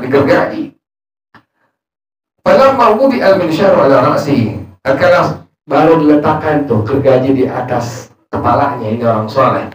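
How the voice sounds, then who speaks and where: A man teaching a religious study session, reading Arabic lines and explaining them in casual speech. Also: mid-range voice. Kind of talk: Islamic study sermon. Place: prayer room. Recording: echoey room, distant mic.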